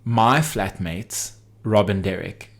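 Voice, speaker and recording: A man's voice: lowish voice, slow pace. A man co-hosting a casual podcast chat, gossipy and hesitant, with lots of fillers and restarts. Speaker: podcast co-host.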